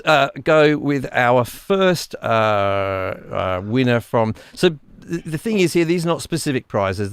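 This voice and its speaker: A man's voice: on the low side, gravelly, fairly bright tone, smooth, dry recording, clean studio sound. A man hosting a casual livestream giveaway. He chats loosely, often stumbles over his words and laughs easily. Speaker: livestream host.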